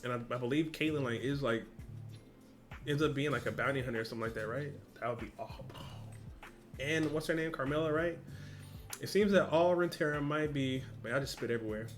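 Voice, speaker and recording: Talking fairly quickly in a mid-range voice over soft background music, a man hosts a reaction, reading a story and commenting on it. His manner is informal and slangy, with swearing and exclamatory asides, and background noise is clearly audible.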